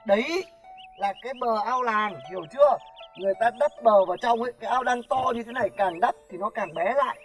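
An actor playing a boastful young village student who talks in a cocky, teasing way and tells stories quickly, with faint music behind. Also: male voice, extremely high pitch. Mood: smug. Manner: cocky, teasing, fast storytelling.

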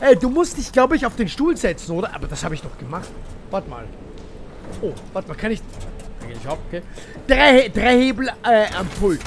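A man streaming a horror game live, chatty and impatient, talking to his chat and to himself, swinging from mumbles to loud outbursts. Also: high voice, big pitch swings, brisk, slight background noise. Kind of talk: live gameplay commentary.

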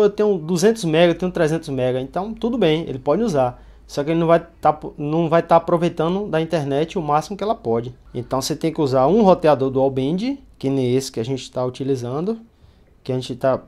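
Speaking with a Brazilian Portuguese accent, a computer shop owner gives a casual, explanatory router-setup tutorial, narrating each screen step. His voice is on the high side and a little mellow.

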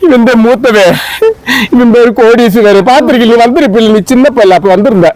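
A man's voice: very high-pitched, brisk, a little mellow, no echo, poor audio. A man voicing a weeping, worn-down village wife and mother of many, lamenting for a comedy sketch. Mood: wailing. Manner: wailing, lamenting sing-song complaints.

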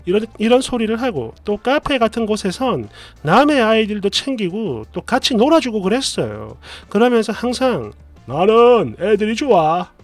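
A man narrating a reader's post as a story, in an expressive, exasperated retelling. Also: high voice, moderate pace, few pauses, no room sound. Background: faint background music.

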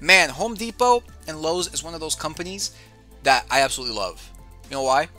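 Hosting an investing show with faint music behind, a man with a slightly high voice talks a little fast. He's lively in this casual market rundown with a guest, reading stock figures and saying "dude."

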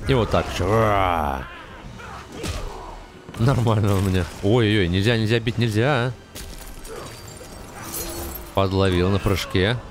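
A man's voice: on the low side, normal speed, pauses often. A young man giving casual live gameplay commentary in short muttered reactions, on a close mic. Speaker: gamer commentator. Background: fighting game music and effects.

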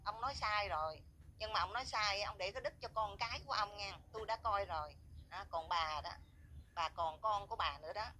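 A woman's voice: medium pitch, bright, forceful tone, a little hiss or hum. A woman, an outraged viewer scolding and repeating herself as she rants. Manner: indignant, scolding, repetitive. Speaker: viewer voicing complaints. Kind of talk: angry spoken rant.

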